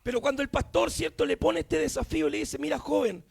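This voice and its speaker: Preacher, man in his thirties; very high, gravelly voice; shouts his testimony in repeated refrains. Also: fast talker. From Chile. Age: 30s. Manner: impassioned, shouting, repetitive refrains. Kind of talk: fervent Pentecostal testimony sermon.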